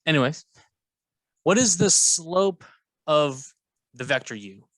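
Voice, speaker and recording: A man's voice: a little high, lively intonation, slow pace, a bit bright, dry recording. A man teaching math alongside a colleague, playful and jokey, guiding with questions. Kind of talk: co-teaching a lesson, casual banter.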